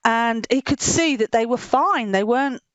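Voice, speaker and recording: A woman presenting a children's program, telling a Bible story in a lively way and laughing often. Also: fairly high pitch, moderate pace, smooth, no room sound, dull audio.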